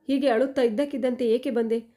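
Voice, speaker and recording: A woman voicing a loving older father who speaks gently and emotionally to his daughter. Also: on the high side, fairly even intonation, quick pace, close to an everyday voice. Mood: tender.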